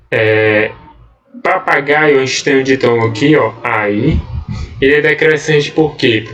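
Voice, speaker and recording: A man teaching a grammar lesson to middle-school students, explaining step by step, drawing out key words and checking in with quick "ok?" tags, in a Brazilian accent. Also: medium pitch, fairly bright tone, distant mic, muffled recording. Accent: Brazilian Portuguese. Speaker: Portuguese teacher. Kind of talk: recorded grammar lesson for seventh graders.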